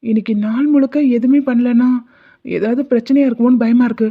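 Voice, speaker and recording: A lovesick young college man, voiced by a woman, talks in a worried, hesitant way in an animated love story. The voice is a little high. The audio is dull and lo-fi. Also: fast. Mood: anxious.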